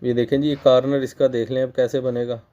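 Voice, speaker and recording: Hoarse from a cold, a Pakistani Urdu-accented man narrates a casual sewing machine tutorial, guiding viewers step by step and patiently going over key points again. He speaks a little fast in a mellow, dark, mid-range voice with little pitch movement, clearing his throat frequently. The audio sounds dull and lo-fi.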